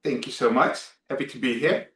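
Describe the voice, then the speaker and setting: A Dutch-accented man from the Netherlands talks as a guest on a video call, a travel blogger who hesitates with lots of fillers and restarts. His mid-range voice moves fairly quickly and sounds a bit bright, in an echoey room.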